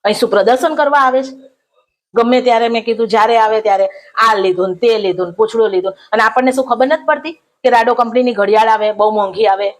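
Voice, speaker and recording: A woman's voice: fairly high pitch, quick pace. A middle-aged woman telling a gossipy comic story, mocking and chatty. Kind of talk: comic monologue.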